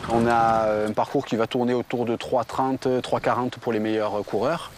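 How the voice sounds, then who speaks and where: A man's voice: medium pitch, little pitch movement, normal speed. A man, a downhill racer, talking in a hesitant way in an interview. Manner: hesitant, many fillers. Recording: noisy outdoor sound.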